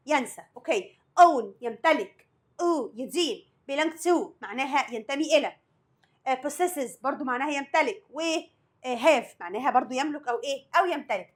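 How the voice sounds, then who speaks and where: A woman's voice: high-pitched, fairly bright tone. A woman English teacher with an Egyptian Arabic accent, going over vocabulary and grammar for an exam, asking the students questions and then answering them herself. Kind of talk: exam review lesson.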